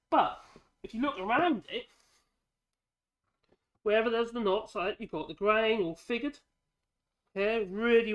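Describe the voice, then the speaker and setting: A middle-aged woodworking channel host with a head cold chats casually in his home workshop, his high-pitched voice congested. He rambles and cracks self-deprecating jokes, captured by a microphone hung from a ceiling clamp.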